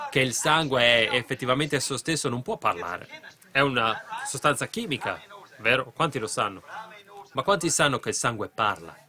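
A man preaching a sermon with fervent delivery, rising to loud declarations and dropping to quiet asides to the congregation. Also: mid-range voice. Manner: keeps asking the congregation "capite?".

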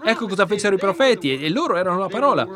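A man's voice: high-pitched, big pitch swings, racing, crowd noise. A man preaching a sermon, retelling biblical scenes and acting out the dialogue.

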